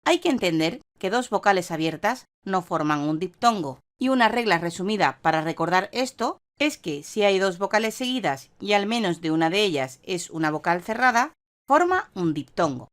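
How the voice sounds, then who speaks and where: A woman with a Spanish accent reading a scripted grammar lesson in a clear, measured teaching voice. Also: medium pitch, animated. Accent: Spanish (Spain). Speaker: online course narrator. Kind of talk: scripted narration.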